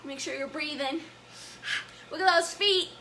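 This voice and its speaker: A woman's voice: high voice, unhurried, bright, forceful tone, a little hiss or hum, low-quality recording. A woman leading a children's story time, upbeat and playful, guiding wiggles and breathing and laughing often. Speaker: story time family educator.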